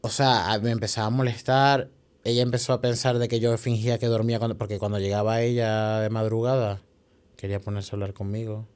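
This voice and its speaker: As a podcast guest, a young Venezuelan man recounts a difficult period of his life in a fairly low, darkish voice with little pitch movement. He speaks fast and emotionally, restarting phrases and adding tag questions, his Venezuelan Spanish accent clear throughout.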